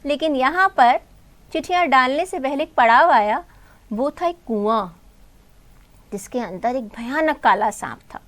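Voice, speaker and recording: A woman teacher with a high, animated, slightly bright voice speaks a little slowly while explaining a textbook story in Hindi. She retells it for her students, asking questions and answering them herself, and calls them "beta" and "bhai".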